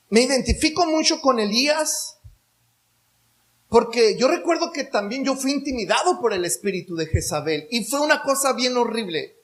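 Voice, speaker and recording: A man's voice: very high-pitched, fairly bright tone. A male pastor preaching a sermon, dramatic storytelling with rhetorical asides to the congregation.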